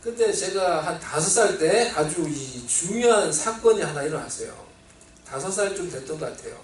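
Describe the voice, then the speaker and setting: A man preaching a sermon as pastor, telling a childhood story in an animated way and acting out the voices he quotes, with a Seoul Korean accent. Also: a little high, normal speed, slight background noise. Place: church sanctuary. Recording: roomy, distant church recording with faint ambience.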